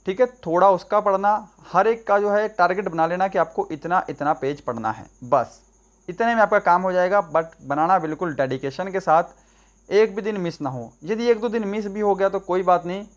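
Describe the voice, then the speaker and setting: A young man teaching a study-strategy lesson, talking directly to viewers and often checking in with rhetorical questions. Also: high-pitched. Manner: direct, coaxing, addresses viewers as brother. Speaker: exam prep teacher.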